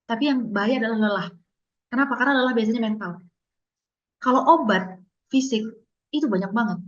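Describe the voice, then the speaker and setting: A woman's voice: medium pitch, a bit bright, lo-fi sound. A woman giving a casual webinar talk on emotional wellbeing, chatty and encouraging, acting out little dialogues and laughing often.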